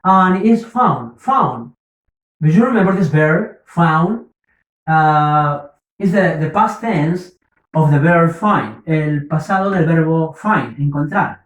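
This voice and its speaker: A man's voice: a little high, expressive, slow, distant mic. A man teaching an English vocabulary lesson, patiently repeating words and checking that students follow. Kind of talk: slow classroom explanation. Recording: roomy, from the mic.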